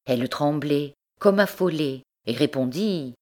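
A woman narrating a literary story in a measured, expressive way. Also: low-pitched. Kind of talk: audiobook narration.

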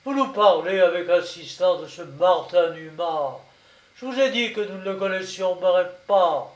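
A man's voice: high voice, expressive, measured pace. A man reading aloud voices an indignant male prisoner protesting his treatment. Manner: protesting, exasperated. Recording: roomy, distant, dull sound.

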